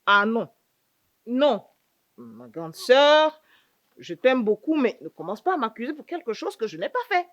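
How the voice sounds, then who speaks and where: A woman's voice: fairly high pitch, sing-song, measured pace, no room sound, lo-fi sound. A young woman playing a sassy, scheming younger aunt in a sitcom, needling everyone with rhetorical questions and repeated "hein". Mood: defensive. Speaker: sitcom actress. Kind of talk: comedic sitcom acting.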